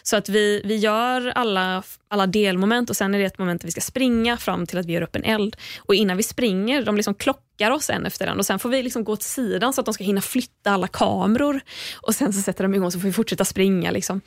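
A woman's voice: medium pitch, no room sound, clean studio sound. A young woman, a podcast guest, tells a story in casual chat, swears often and acts out what people said. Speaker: podcast guest, reality show contestant.

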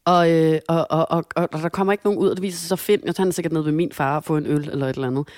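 Animated woman telling a funny story. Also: sits low, no echo, clean studio sound. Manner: animated, acts out quotes with shifting voices. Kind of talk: casual storytelling chat.

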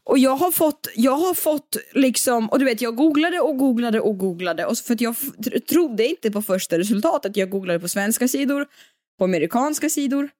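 A woman's voice: fairly high pitch, lively intonation, a little mellow, no room sound, clean studio sound. A young woman co-hosting a casual podcast, chatty and rambling, often restarting sentences and laughing. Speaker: podcast co-host.

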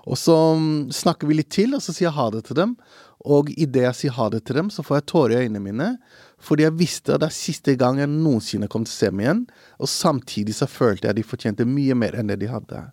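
A young man recalls a story in an interview, earnest and reflective, pausing often on fillers. His voice sits in a middle register and is recorded close and dry, with no room sound. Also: mid-range voice, lively intonation, a little mellow, dry recording. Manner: earnest, reflective, with frequent hesitations. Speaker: comic creator and interview guest.

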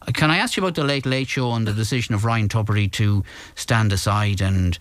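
A man with an Irish accent hosting a panel, asking probing questions in a conversational, halting way. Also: lowish voice, fairly bright tone, dry recording. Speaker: radio host. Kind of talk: conversational interviewing.

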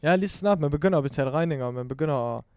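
A man's voice: a little high, darkish tone, no room sound, clean studio sound. A young man co-hosting a podcast in casual chat, speaking hesitantly and reflectively. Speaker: podcast co-host.

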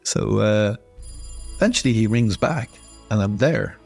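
A man from Ireland with a Dublin accent, telling a family story in a casual, lively way and acting out the people he quotes. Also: on the low side, unhurried, vocal fry, soft background music. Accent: Dublin Irish. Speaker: storyteller guest.

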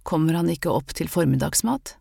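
Low voiced frail young lady of the house, lonely but teasing, read by a woman. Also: expressive, gravelly, mellow, slightly rough, no room sound, studio quality, heavily acted. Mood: wistful. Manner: wistful, then playful.

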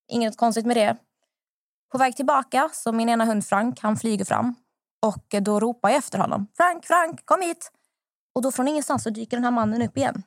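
A woman's voice: on the high side, dry recording, clean studio sound. Young woman telling a story animatedly. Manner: animated anecdote-telling, acts out what others said. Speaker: podcast host. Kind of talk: casual storytelling.

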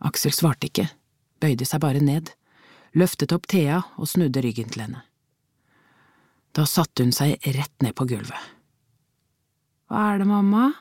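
A woman with a Norwegian accent narrating an audiobook in a calm, measured way. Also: rumbling low, slightly rough, no room sound, studio quality.

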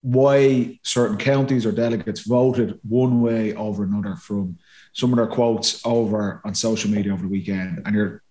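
A man with an Irish accent co-hosting a casual, opinionated discussion, halting and repeating words for emphasis. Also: fairly low pitch, fairly even intonation, warm tone. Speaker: podcast host. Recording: roomy echo on the voice.

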